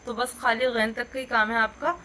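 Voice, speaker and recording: A woman gives an online kindergarten lesson in a patient, step-by-step manner. She spells out each letter clearly so the children can say it after her. A faint hiss sits under the recording. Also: a little high, fairly even intonation, pushed and bright, low-quality recording. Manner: patient, slow, explains step by step; drills letters aloud for children to repeat. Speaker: teacher.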